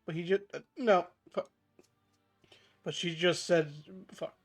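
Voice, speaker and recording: A man's voice: high-pitched, steady tone, unhurried, soft background music. A young man narrating as game master in a tabletop game, casual and laughing, often stumbling over his words.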